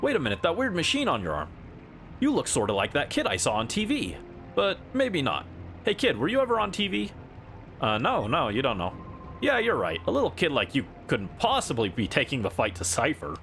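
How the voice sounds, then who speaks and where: Cocky game henchman guard, performed by a man: excitable, taunting, highly animated, music faintly behind. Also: fairly quick, heavily acted. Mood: curious, mocking. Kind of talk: reading video game dialogue in character.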